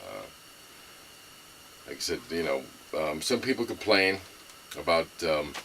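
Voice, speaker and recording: Over background noise, a middle-aged Brooklyn-accented man from New York reviews his rifle in a loose show-and-tell. His rumbling low voice is creaky and a little slow, swinging widely in pitch as he stumbles through fillers and restarts.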